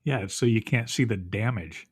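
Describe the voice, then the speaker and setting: A man's voice: on the low side, normal speed, husky. A man co-hosting a casual chat, throwing in sarcastic wisecracks. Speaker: co-host.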